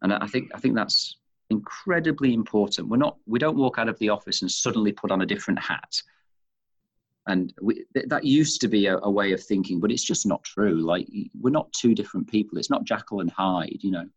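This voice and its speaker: This middle-aged man, who leads an organization, comes from England and has a Manchester accent. His voice is on the low side, fairly quick and husky, though the recording is muffled, and he answers leadership questions with frequent repeated words as he reasons things out.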